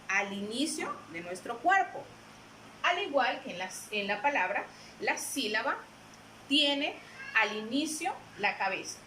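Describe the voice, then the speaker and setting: A woman teacher explains a lesson patiently, repeating herself and quizzing her listeners. Her voice is high and bright, and she speaks at an unhurried pace. The sound is roomy, with faint noise behind her. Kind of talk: classroom lesson.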